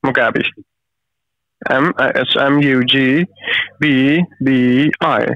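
A man with an Indian accent reading a scripted sales pitch over the phone, hesitant and repeating words when pressed. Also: fairly even intonation, takes it slowly, dry recording. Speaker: scam caller. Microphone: phone call. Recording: dull phone-line audio.

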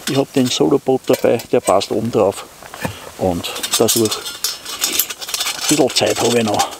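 In snowy woods outdoors, a man with an Austrian accent and a medium-pitched, fry-tinged voice chats to his viewers. He's an outdoor vlogger, talking casually and unscripted in an easygoing, rambling way, with a noisy background behind him.

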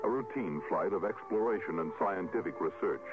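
Male narrator, low pitch, portentous, solemn, 1950s radio drama, thin telephone-like sound. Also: moderate pace, background noise. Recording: tinny vintage radio recording. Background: music.

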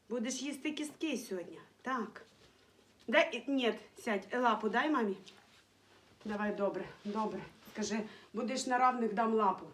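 A woman's voice: on the high side, a bit bright. A woman talking to her dogs in casual baby talk, mixing cooing with firm commands. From Ukraine. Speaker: dog breeder. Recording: roomy, from a distance, faint noise.

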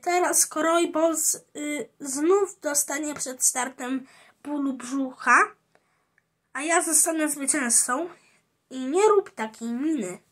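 A jealous, scheming boy from a children's story, as a woman reader puts him on. High, unhurried lines that stay plainly read aloud. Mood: gloating.

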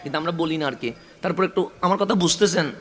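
A preacher from Chittagong with a Chittagonian accent delivers a sermon at a religious gathering in a high, bright, ringing voice. He keeps turning to the crowd with rhetorical questions and repeated call-and-response lines. His delivery swells into loud, stretched-out climaxes. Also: quick pace. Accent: Chittagonian Bengali. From Chittagong, Bangladesh.

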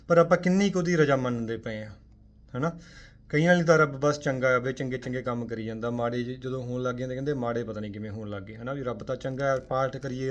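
A man delivers a Sikh spiritual talk to viewers, speaking forcefully and posing rhetorical questions. He alternates loud, emphatic bursts with quiet, low asides and mixes English words into his speech.

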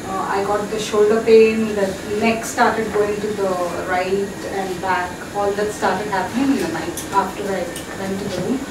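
A middle-aged woman, a clinic patient, recounting her symptoms and progress in a hesitant, halting way. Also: medium pitch. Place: small clinic room, indoors. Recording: roomy, distant, loud background noise.

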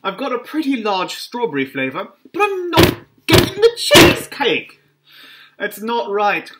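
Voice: medium pitch, big pitch swings, measured pace. A snack reviewer talking through a costume mask, casually rambling with jokey, self-mocking asides while tasting a treat. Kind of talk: casual food review vlog. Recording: clear background noise.

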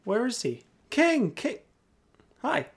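A man's voice: extremely high pitch, wildly swooping pitch, takes it slowly, gravelly, slightly rough, exaggerated voice. A man voicing a nervous, naive and eager young errand-runner, stammering and gushing as he role-plays through a video game. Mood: excited, gushing. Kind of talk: role-play gameplay commentary in character.

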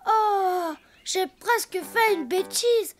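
In a very high, childlike cartoon voice, a small boy donkey talks to himself without hurrying, sounding playful, cheerful, imaginative and expressive. A slight hiss or hum sits under the recording.

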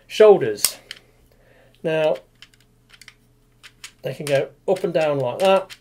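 Indoors in a small room with a display cabinet, a man casually reviews a toy, rambling with plenty of fillers and restarts. His voice is fairly high and slow, with noise in the background.

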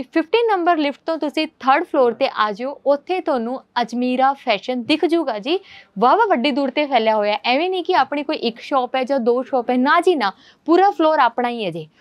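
A woman's voice: sits high, dry recording. A woman, chatting to camera from a clothing showroom in a direct, reassuring way. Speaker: company presenter. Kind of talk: promotional talk to camera. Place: large clothing showroom indoors.

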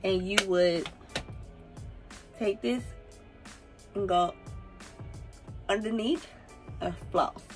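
A woman's voice: medium pitch, drawn-out words, long pauses, darkish tone. A young woman vlogger talking casually with floss in her teeth while she demonstrates, with faint music behind. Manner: laid-back, chatty, demonstrating as she goes. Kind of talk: casual how-to vlog.

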